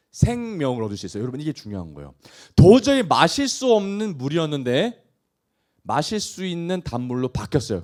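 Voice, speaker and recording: A man's voice: on the high side, darkish tone. A male pastor preaching a sermon. He keeps asking the congregation questions and acts out the voices of the people in the story.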